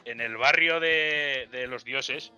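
Man, game master guest, animated blunt storyteller, very bright tone, faint music behind. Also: mid-range voice, slow pace, clear, resonant tone, highs cut off. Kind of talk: casual podcast chat.

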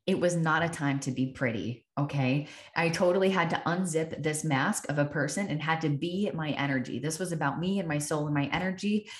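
A woman hosting a podcast, telling a personal story in an earnest, reflective way and repeating phrases for emphasis. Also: low-pitched. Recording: echoey room.

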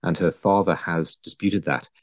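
Male, very low voice, conversational historical commentator, dry recording. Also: normal speed, no room sound.

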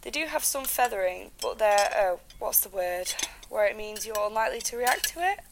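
A woman's voice: mid-range voice, animated, moderate pace, vocal fry, background noise. A British woman playing an affectionate, eager wife and mother calling home news in an audio drama. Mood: hopeful, coaxing.

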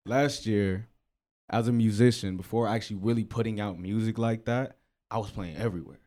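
A man's voice: fairly low pitch, a little fast, darkish tone. A man, a guest musician, telling a story in casual slangy talk, laughing often. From Florida.

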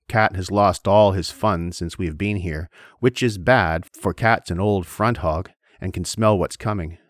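Deep-voiced man, grave literary reading. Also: no room sound, studio quality. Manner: measured, grave delivery that slows on tense passages. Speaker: podcast host reading aloud.

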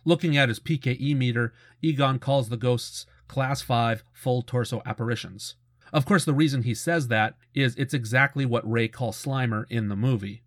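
A man's voice: medium pitch, moderate pace, dry recording, clean studio sound. A middle-aged man hosting a show with casual, informative commentary and a fan's conversational enthusiasm. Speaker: host of a cartoon retrospective show. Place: close, dry voice-over recording.

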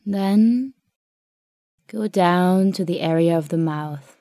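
A woman guiding a meditation in a soft, soothing, unhurried way, leaving long pauses between phrases. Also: lowish voice, no echo, clean studio sound. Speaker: meditation guide. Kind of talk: guided meditation narration.

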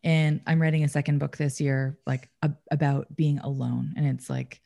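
A woman's voice: sits low, little pitch movement, normal speed, creaky, mellow. A woman, a relationship coach and author, talking in a reflective, emphatic way in casual conversation, swearing now and then.

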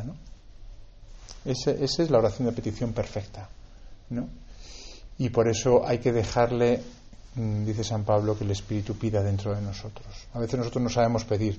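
A priest delivers a conversational homily full of tag questions and repeated words. His voice is fairly low, dark and breathy, captured in a dull lo-fi recording.

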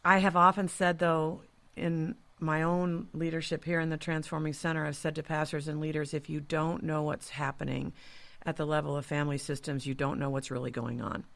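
A woman's voice: low-pitched, flat delivery, moderate pace, creaky. An earnest woman hosts a podcast conversation. She speaks reflectively and steadily, often adding small murmurs of agreement. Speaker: podcast host.

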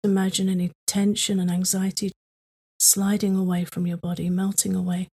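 A woman guides a sleep-focused tapping meditation in a low, mellow voice. Her tone is very breathy and airy, with flat, even delivery. She gives slow, soothing, repetitive prompts.

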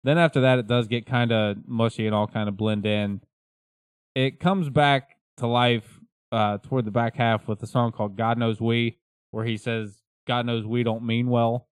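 A man's voice: mid-range voice, fairly even intonation, moderate pace, clear, resonant tone, no echo, studio quality. A man co-hosting a casual music podcast, talking in a wry, rambling way and often correcting himself. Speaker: podcast co-host. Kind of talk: casual chat about music.

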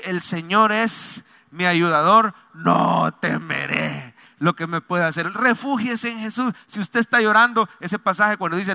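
A man's voice: sits high, creaky, pushed and bright, big-room sound. A male preacher delivering a fervent sermon, building to emphatic peaks and calling his listeners brother.

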